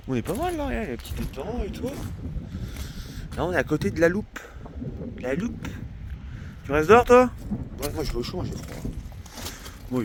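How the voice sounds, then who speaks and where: A man chatting casually for a vlog in a slangy, joking, expressive way. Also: medium pitch, background noise. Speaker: vlogger living in a camper truck.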